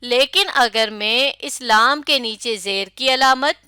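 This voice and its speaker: A woman's voice: on the high side, bright, forceful tone, clear, resonant tone, no room sound, clean studio sound. A woman with a Pakistani Urdu accent giving a classroom lecture, asking questions, confirming answers and spelling words letter by letter. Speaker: teacher.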